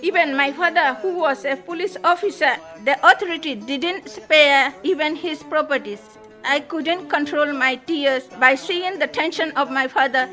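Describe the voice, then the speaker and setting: Bright, high woman reading a voice-over. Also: normal speed, soft background music. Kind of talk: first-person voice-over reading.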